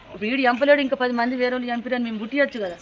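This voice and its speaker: A woman's voice: a little high, steady tone, very fast. A distraught woman with a Telangana Telugu accent, a grieving mother pleading insistently for justice in an interview. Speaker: grieving mother of a murdered daughter. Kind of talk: emotional interview testimony.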